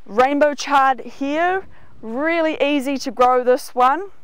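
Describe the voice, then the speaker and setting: Bright New Zealand woman touring her garden. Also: high voice, slow pace, dry recording. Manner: enthusiastic, explanatory, walking and pointing at crops. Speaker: market gardener. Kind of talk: guided garden tour. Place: outdoors in a large vegetable garden.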